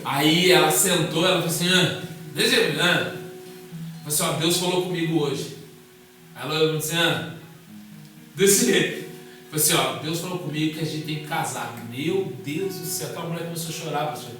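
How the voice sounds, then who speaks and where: A São man with a bright, high-set voice recounts his testimony and animatedly plays out each exchange. He sits back from the mic in a strongly echoing room. Music runs beneath him the whole time. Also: fairly quick. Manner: animated storyteller acting out dialogue. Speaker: guest pastor. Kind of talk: personal testimony in casual conversation. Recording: echoey room, distant mic, music underneath.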